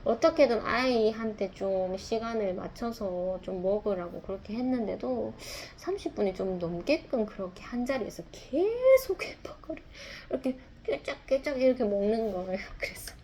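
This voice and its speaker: A woman's voice: fairly high pitch, lively intonation, moderate pace, mellow, slight background noise. A woman, a mother, telling a reflective personal story in a confessional, rambling way, full of fillers and restarts. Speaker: mother sharing a testimony.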